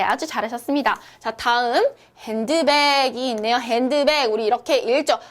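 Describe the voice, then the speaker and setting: A young woman teaching English pronunciation in a cheerful, coaxing lesson voice, often asking her listeners questions. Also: sits high. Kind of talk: upbeat lesson narration.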